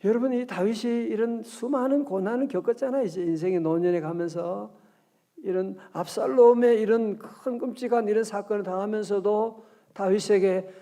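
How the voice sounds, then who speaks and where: A male pastor preaching at an early-morning prayer service, talking in a lively, conversational way and often asking the congregation questions, with slow scripture readings. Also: high voice. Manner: reads scripture aloud slowly.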